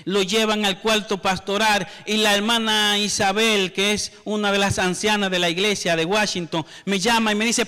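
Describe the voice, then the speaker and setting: Pastor, male, middle-aged: high, crisp voice, long hall echo, storytelling sermon. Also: bright, forceful tone. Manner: storytelling preacher, rising to emphatic passages.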